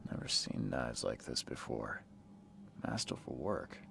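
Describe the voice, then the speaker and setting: Very deep, gravelly investigator. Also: male voice, big pitch swings, measured pace, full character voice. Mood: curious. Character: gruff, wary male video game investigator. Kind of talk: video game voice acting.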